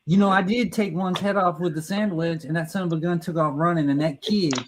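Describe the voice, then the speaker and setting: A man's voice: high-pitched, steady tone, a little fast, slight background noise, low-quality recording. A middle-aged man telling a rambling, profane story in casual talk, laughing at his own tale and restarting sentences as he goes. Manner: restarts and stumbles mid-sentence.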